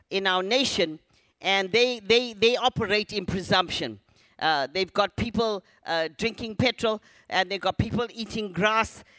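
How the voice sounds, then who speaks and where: Male preacher, very high and bright voice, dry close sound; emphatic and leads call-and-response. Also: no echo. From Zimbabwe. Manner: emphatic, calls on the congregation to repeat lines. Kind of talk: sermon.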